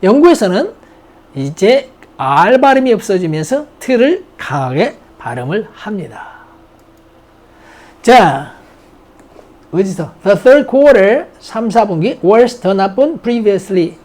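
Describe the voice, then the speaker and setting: Slow, lively teacher drilling vocabulary. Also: medium pitch. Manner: drills words by repeating them, asks and answers own questions; mixes English words into slow explanations. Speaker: English grammar teacher. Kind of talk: vocabulary and grammar lecture.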